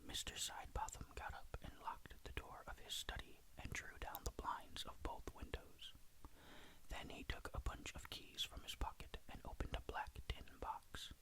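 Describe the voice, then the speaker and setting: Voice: moderate pace, low-quality recording. Whispering ghost story narrator. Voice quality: breathy unvoiced whisper.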